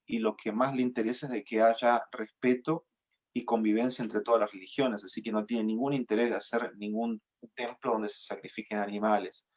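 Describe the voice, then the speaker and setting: Pastor guy giving a sermon, explains slow and steady with lots of ums, kinda muffled sound. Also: mid-range voice. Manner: explanatory teaching tone with frequent fillers.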